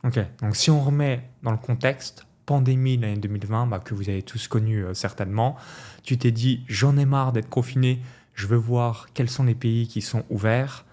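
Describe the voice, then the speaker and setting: A man's voice: medium pitch, fairly even intonation, normal speed, mellow. A man hosting an interview podcast, asking questions and laying out his topics in an orderly way. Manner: structured, lays out points in order. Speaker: podcast host.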